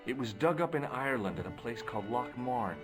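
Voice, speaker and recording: A man's voice: medium pitch, animated, brisk, over music, lightly acted. A man voicing a curious young American investigator in a video game, wry and probing, with dry narrating asides.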